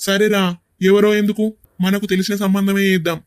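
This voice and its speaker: A man's voice: high voice, level tone, a little fast, clean tone, dry recording, clean studio sound, natural voice. A man voicing a meek, older village father in a cartoon, speaking with a Telangana Telugu accent. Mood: resigned.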